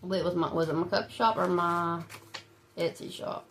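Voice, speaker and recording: With a low-leaning, steady voice and a brisk pace, a woman talks over a little hiss or hum. Her nose is stuffy from a cold, and as a budgeting channel host she chats casually to viewers, small laughs and all, while working through savings challenges.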